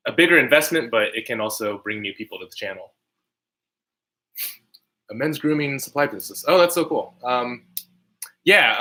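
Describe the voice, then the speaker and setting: A man chatting casually on a livestream as host, halting and slightly nasal with congestion from a lingering cold. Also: medium pitch, pushed and bright. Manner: frequent throat clearing, halting. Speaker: channel host livestreaming to viewers. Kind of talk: casual livestream chat, answering comments.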